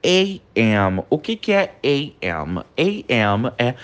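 A man teaching an online language lesson, drilling words slowly for the learner to repeat and checking in often with short questions. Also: mid-range voice, big pitch swings, smooth. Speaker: English teacher.

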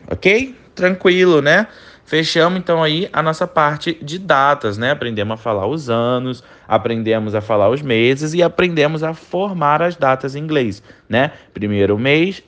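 Patient male teacher drilling words slowly. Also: medium pitch. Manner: checks in often with short tags. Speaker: English teacher. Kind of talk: online language lesson.

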